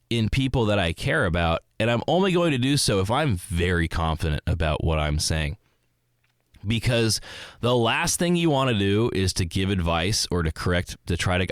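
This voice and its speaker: A young man hosting a rambling solo podcast, animated and acting out quotes in a raised voice. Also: on the low side, no echo, studio quality. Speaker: podcast host. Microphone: close mic in a small dry space.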